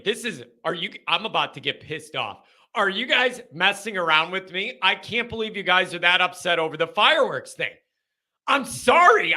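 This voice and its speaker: A young man hosting a live sports call-in stream, ranting casually with animated, exasperated mock outrage. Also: sits high. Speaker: host of a sports call-in show.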